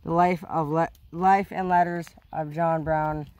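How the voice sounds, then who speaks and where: A man's voice: fairly high pitch, fairly even intonation, a little slow, darkish tone, no room sound. Young man stumbling through plaque readings outdoors. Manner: stumbling reading with restarts and self-corrections. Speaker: vlogger exploring a historic site. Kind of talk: casual vlog narration, reading plaques aloud. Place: outdoors on a rural hiking trail.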